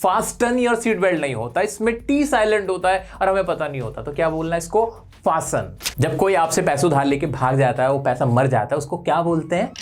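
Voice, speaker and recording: A woman's voice: low voice, animated, a little fast, few pauses, a little mellow. A woman teaching English pronunciation, quizzing the viewer on each word and then correcting the answer firmly. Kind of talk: pronunciation lesson.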